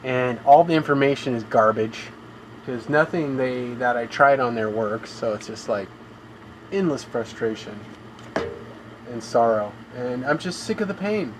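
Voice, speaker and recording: A man's voice: medium pitch, measured pace, background noise. A man streaming a game live, rambling through long complaints and often saying "you know". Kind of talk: live gameplay commentary.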